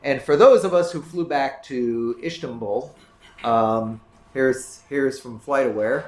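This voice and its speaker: A man's voice: medium pitch, takes it slowly. A man presenting a trip slideshow to a club audience in a casual, rambling way, restarting his sentences often. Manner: rambling, self-correcting, many restarts. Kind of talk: casual slideshow talk to a group. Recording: roomy room echo, faint background noise.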